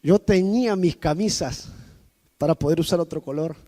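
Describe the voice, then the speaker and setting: A man preaching a sermon, telling personal stories to the congregation and swinging between loud outbursts and quiet asides. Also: fairly high pitch, moderate pace. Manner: personal storytelling addressed to the congregation.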